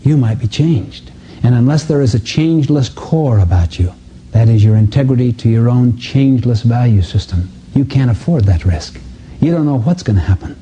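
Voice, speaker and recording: A man teaches a live self-help seminar before an audience in a seminar room, emphatic and full of rhetorical questions, acting out dialogues as he goes. His mid-range voice is mellow and slightly rough, with lively intonation at a moderate pace. The lo-fi audio is dull and muffled.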